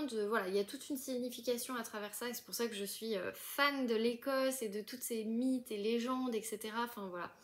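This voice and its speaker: Young woman vlogging an unboxing, bit high voice, chatty and gushy, lots of euh. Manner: chatty, many fillers and restarts, gushing. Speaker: book vlogger. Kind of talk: casual unboxing chat.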